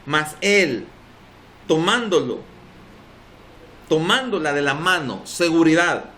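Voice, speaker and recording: Salvadoran male pastor, emphatic sermon delivery, slightly high voice, faint hiss behind. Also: lively intonation, slow, pushed and bright. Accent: Salvadoran Spanish. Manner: emphatic preaching with call-and-response. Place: church service.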